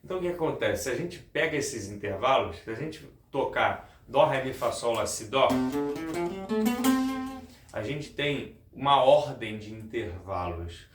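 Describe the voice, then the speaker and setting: A man's voice: mid-range voice, lively intonation, a little slow. A male music teacher giving a guitar lesson, explaining step by step, repeating key points and speaking straight to his viewers. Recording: roomy, with guitar playing.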